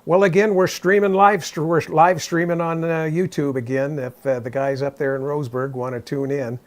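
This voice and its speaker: A man's voice: fairly high pitch, little pitch movement, normal speed. A man working as an amateur radio operator, calling and chatting in military radio style with procedural phrasing. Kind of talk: casual ham radio net exchange. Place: at his radio station.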